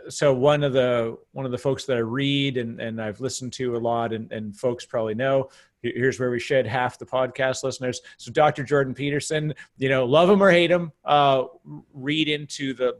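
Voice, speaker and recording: A man's voice: medium pitch, fairly even intonation, moderate pace. A man with a Canadian accent hosting a podcast, talking animatedly with lots of restarts and emphatic asides. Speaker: podcast host. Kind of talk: casual podcast conversation.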